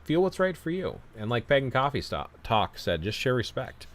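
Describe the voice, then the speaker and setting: A man's voice: medium pitch, sing-song, normal speed. A man hosting a casual livestream, reading out viewer comments and giving long, rambling, self-deprecating opinions. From United States.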